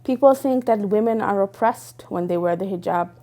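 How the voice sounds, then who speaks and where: Here a Dubai-raised young woman recounts her own story in an interview, thoughtful and sincere, often restarting and using fillers. The voice sits at medium pitch with a dark tone and a normal speed.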